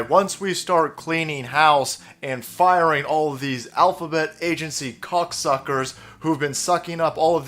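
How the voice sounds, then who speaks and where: Foul-mouthed ranting male commentator. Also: a bit bright. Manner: crude, mocking, swings into high sarcastic voices. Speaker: political commentary host.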